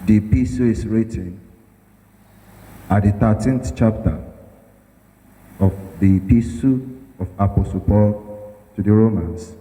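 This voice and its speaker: A man reading prayers and scripture at a church service in a solemn, measured manner. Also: lowish voice, warm tone, soft background music. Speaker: liturgical reader at a church service. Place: large reverberant church. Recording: phone-like band, echoey church with long reverb.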